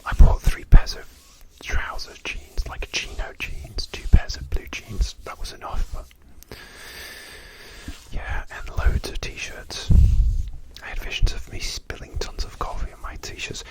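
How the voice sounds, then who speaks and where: A British man whispering casual, wandering ASMR rambles, hesitating and repeating words softly. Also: low-quality recording. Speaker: ASMR video host. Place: hotel room.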